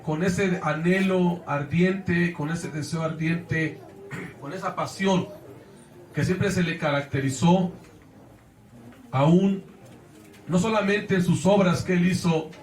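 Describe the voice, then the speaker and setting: Earnest Mexican pastor, echoey church. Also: male voice, a little high, far from the mic, slight background noise. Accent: Mexican Spanish. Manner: earnest preaching, often addressing the congregation as brothers. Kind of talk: sermon.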